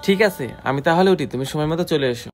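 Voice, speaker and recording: A man playing a gentle, fatherly stranger. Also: on the high side, quick pace, faint music behind, close to an everyday voice. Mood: kind. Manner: soft, coaxing, fatherly. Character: gentle, generous adult man, fatherly to children. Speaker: kind stranger helping two poor sisters. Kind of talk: scripted short web drama.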